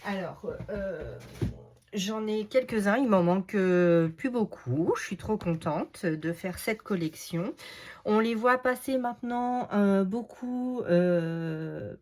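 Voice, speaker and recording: Slow, hesitant woman vlogger. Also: mid-range voice, a little mellow. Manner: chatty, frequent "euh" and "donc" fillers; hesitant, halting delivery. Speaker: craft video host. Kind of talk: casual unboxing vlog.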